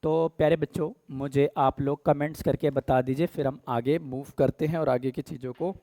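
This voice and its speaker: An Indian-accented man teaching English grammar, chatting with his students and checking often that they follow. He slows down to read each English example aloud. The recording is dry and close, with no room echo. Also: on the high side, fairly even intonation, dark tone. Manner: addresses students as beta and pyare bachche, asks "theek hai?" often. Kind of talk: casual Hindi-English lesson.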